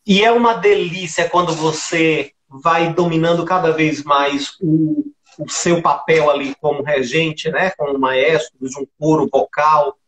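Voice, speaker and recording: A man's voice: fairly high pitch, fairly even intonation, a little slow, fairly bright tone. A man with a Brazilian Portuguese accent hosting a live stream, summing up his guest's points for the viewers. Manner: sums up for viewers, addresses the audience. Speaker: host. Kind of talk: casual chat on a live stream.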